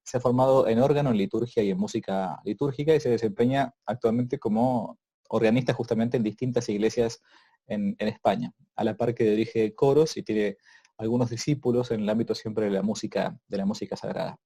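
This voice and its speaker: A man's voice: lowish voice, steady tone, a little fast, dark tone, husky. A man, a priest hosting a casual interview, talking in with many restarts and fillers. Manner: hesitant, many repeated words and fillers. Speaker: host, priest.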